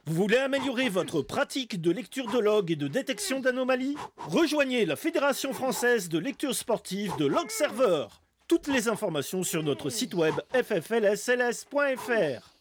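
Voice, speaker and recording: A man's voice: sits high, sing-song, normal speed, few pauses, a little hiss or hum, pitched above the performer's own voice. A man playing an emphatic announcer in a mock radio advert. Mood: earnest promotion.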